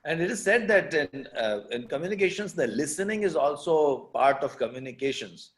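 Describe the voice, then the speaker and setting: A man hosting an interview, asking halting questions with many fillers. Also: fairly high pitch, lively intonation. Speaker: host.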